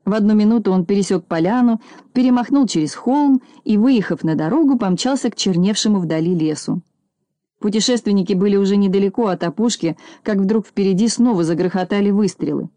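A woman's voice: medium pitch, brisk, no echo. Woman reading a storybook aloud. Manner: lively, expressive reading. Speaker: narrator.

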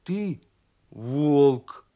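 A man voicing a frightened little bear cub who shouts and blusters defensively. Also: fairly high pitch, expressive, drawn-out words. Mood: alarmed.

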